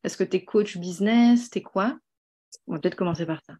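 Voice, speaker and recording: A woman's voice: mid-range voice, normal speed, warm tone. Earnest woman podcast host, hesitant. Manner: earnest, hesitant with many fillers. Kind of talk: casual interview and promo.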